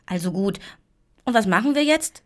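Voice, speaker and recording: A woman voicing a practical, teasing young boy in a children's radio play who sounds lively and exasperated. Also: medium pitch, normal speed, lightly acted. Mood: defensive.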